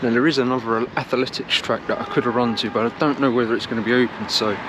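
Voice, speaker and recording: A man's voice: medium pitch, fairly even intonation, quick pace. Casual male vlogger outdoors, noisy street. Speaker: running vlogger. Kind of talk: casual vlog talk to camera. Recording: outdoor urban traffic noise.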